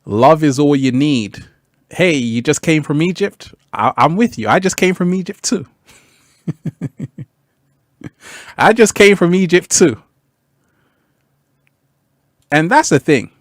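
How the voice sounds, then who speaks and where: A man's voice: on the high side, animated, slow pace, pauses often, no room sound, studio quality. A man hosting a live stream, chatting with viewers and reading their comments in a laid-back way, laughing often and repeating his phrases. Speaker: livestream host.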